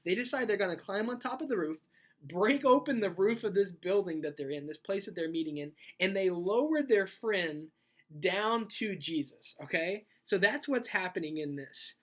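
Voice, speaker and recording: Woman giving a lively youth sermon. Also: mid-range voice, normal speed. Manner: casual, animated storytelling with frequent "okay?" check-ins. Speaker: youth pastor. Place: church youth service.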